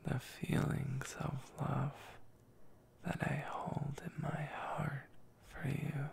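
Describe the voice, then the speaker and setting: A man performs a whispered role-play as a tender, devoted boyfriend reading a love letter. His breathy whisper is extremely slow and heavily crackling with fry. The delivery stays very even from line to line. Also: mid-range voice. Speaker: ASMR boyfriend role-player.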